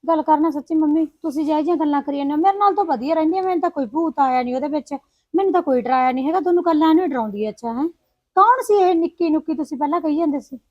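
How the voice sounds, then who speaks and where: A woman plays a brisk, dismissive sister-in-law. She talks very fast in a high voice. The recording sounds dull and dry. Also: darkish tone, no echo. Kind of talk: Punjabi short film acting.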